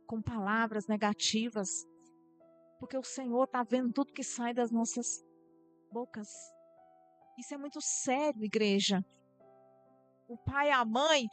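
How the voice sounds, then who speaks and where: A woman's voice: sits high, a bit bright. A Brazilian woman pastor preaching a sermon, earnestly addressing the church directly.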